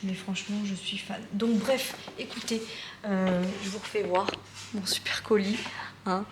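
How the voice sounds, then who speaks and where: A woman's voice: mid-range voice, fairly even intonation, normal speed. Chatty French-speaking woman vlogging at home. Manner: chatty, enthusiastic, repeats herself with many fillers. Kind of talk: casual vlog chat. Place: at home, indoors. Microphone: phone or camera close by. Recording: echoey room with background noise.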